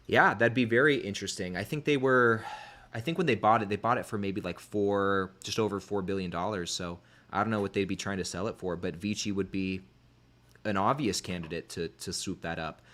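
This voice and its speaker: Meet an easygoing man hosting a laid-back podcast chat. His voice sits on the low side, and he thinks aloud as he shares his views. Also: fairly quick, a bit bright. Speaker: podcast host.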